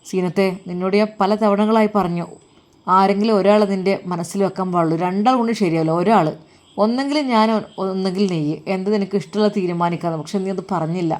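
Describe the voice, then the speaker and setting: A stern, worn-out husband with a Malappuram accent, as a woman storyteller puts him on. She drops her voice low and keeps it quiet and firm. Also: fairly quick, lightly acted. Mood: stern weary. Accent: Malappuram Malayalam.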